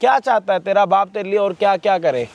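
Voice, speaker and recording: Male host, high-pitched, harsh and rebuking, swears a lot in a staged confrontation. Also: fast, gravelly, lo-fi sound, noisy background. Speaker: vlog host confronting a son.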